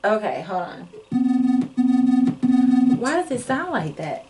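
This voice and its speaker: Slow-talking, lively woman podcast host. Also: medium pitch, loud music behind the voice. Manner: giggly, playful, unhurried. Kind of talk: casual podcast chat. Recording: distant mic with faint noise.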